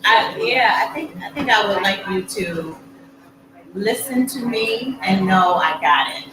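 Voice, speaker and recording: A woman co-hosting a casual conversation, animated and teasing, laughing as she talks. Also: medium pitch, a little slow. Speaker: co-host. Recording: roomy, distant mic with background noise.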